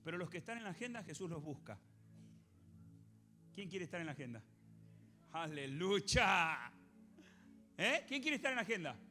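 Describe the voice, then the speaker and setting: A man with an Argentine accent preaching a sermon as a pastor, animated, questioning the congregation and acting out biblical voices. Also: sits high, quick pace, long pauses, faint music behind. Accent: Argentine Spanish.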